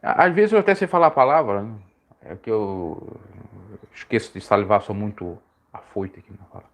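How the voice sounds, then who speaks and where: A man preaching casually on a live stream, rambling and correcting himself, his voice jumping high when he stresses a point. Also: animated, normal speed. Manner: rambling, self-correcting, pitch swings high when emphatic.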